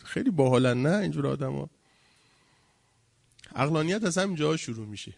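A man giving a religious lecture, mocking people in quick put-on voices and swinging between loud and quiet. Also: fairly high pitch, lively intonation, gravelly.

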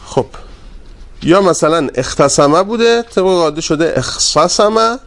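A fairly high-voiced man teaching a grammar class, repeating word forms slowly and prompting his students to finish his sentences. He stays polite and patient as he goes through each step. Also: expressive, fairly bright tone. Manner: drawn-out repetition of word forms, quizzing students; polite and deferential to the class leader.

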